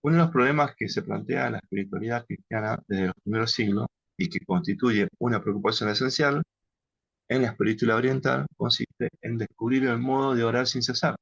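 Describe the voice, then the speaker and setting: A man teaching contemplative prayer in an unhurried, halting way, often adding a questioning tag. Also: mid-range voice, gravelly, fairly bright tone, breathy edge, no echo. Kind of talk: instructional talk on contemplative prayer. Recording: dull lo-fi sound.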